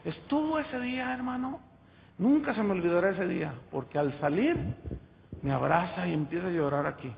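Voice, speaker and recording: A man's voice: sits high, moderate pace, creaky, a little hiss or hum. A man preaching as pastor, telling a story and calling his listeners "brother" over and over. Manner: storytelling, addresses listeners as "hermano". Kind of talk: sermon testimony. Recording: muffled, echoey hall.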